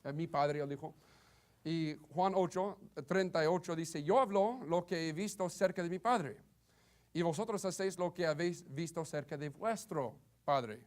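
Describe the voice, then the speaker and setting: A man preaches a sermon with a slightly high voice. He often stumbles, repeating and restarting words as he goes. His delivery stays halting throughout. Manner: halting, many restarts and stammers. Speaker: Baptist preacher.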